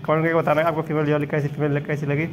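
A man's voice: a little high, flat delivery, very fast, a little hiss or hum, poor audio. A man vlogging from his rooftop pigeon loft, chatting to viewers as he points out his birds, filmed on a handheld phone. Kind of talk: casual filmed walkthrough.

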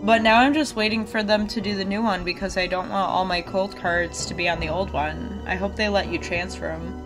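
A woman's voice: mid-range voice, steady tone, a little fast, low-quality recording. Chatty woman streamer over game music. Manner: chatty, reacting aloud and addressing viewers. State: getting over a cold with a cough. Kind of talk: live game stream chat, reading dialogue aloud.

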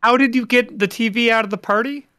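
A man jokes casually on a podcast in a notably high, bright voice. He teases his co-hosts with pointed quips. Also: fairly even intonation, quick pace. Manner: joking, teasing. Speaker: podcast co-host. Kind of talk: casual chat. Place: indoor room on a video call.

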